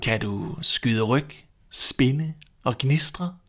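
A man voicing a smug, self-satisfied house cat in a storybook reading, speaking in a slow, drawling, condescending way. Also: medium pitch, fairly bright tone, lightly acted.

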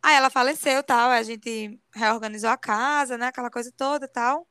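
A woman's voice: a little high, normal speed, smooth, no echo, studio quality. A young woman, chatting animatedly as a podcast co-host and telling a spooky story. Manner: animated, swears she is telling the truth. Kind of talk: casual podcast chat.

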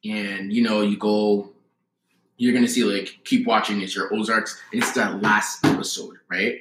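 A man's voice: lowish voice, flat delivery, normal speed, heavy background noise. A young man, chatting casually and slangily as a podcast co-host. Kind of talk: casual chat. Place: basement, indoors. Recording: echoey basement room.

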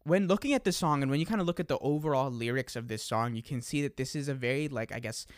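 A man's voice: mid-range voice, fast, dry recording, studio quality. A young adult man hosting a casual podcast. He talks in an easygoing way, laughs at himself and uses lots of fillers. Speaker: podcast host. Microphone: desk microphone.

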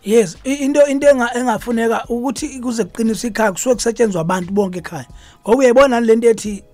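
A man with a Zulu accent and a husky voice, a traditional healer explaining things as a radio guest. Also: very high-pitched, quick pace, darkish tone, no room sound, faint music behind. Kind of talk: explaining on a radio advice show.

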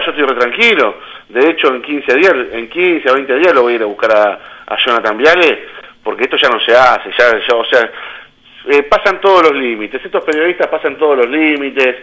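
A man's voice: mid-range voice, pushed and bright, low-quality recording. A man with an Argentine accent, a guest on a radio show, speaking indignantly and repeating himself as he recounts confrontations. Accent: Argentine Spanish. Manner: indignant, repeats himself, voices his own quoted confrontations. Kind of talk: heated radio interview.

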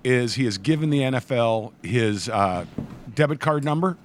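A man with an ordinary mid-range voice on a relaxed podcast. He tells stories and jokes in an easygoing way. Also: mid-range voice, moderate pace, slight background noise. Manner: easygoing storyteller. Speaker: podcast co-host. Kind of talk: casual chat, joke telling.

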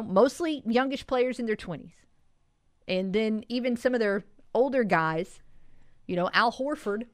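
A woman's voice: on the high side, no echo, studio quality. A woman hosting a sports talk radio show, breaking down stats in a conversational way and taking calls. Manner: conversational, stat-driven analysis.

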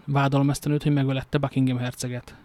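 A man's voice: mid-range voice, flat delivery, a little mellow, dry recording, lightly acted. A man reading the part of a vengeful male English lord who demands justice, indignant and formal.

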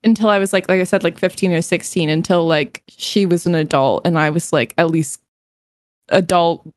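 A woman's voice: fairly low pitch, fairly even intonation, normal speed, no echo, studio quality. Chatty rambling woman from New England. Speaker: guest. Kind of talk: casual interview.

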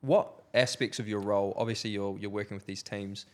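A man's voice: lowish voice, steady tone, a little fast. A man hosting a podcast, who asks his guest follow-up questions in an appreciative way. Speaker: podcast host. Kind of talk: interviewing a guest.

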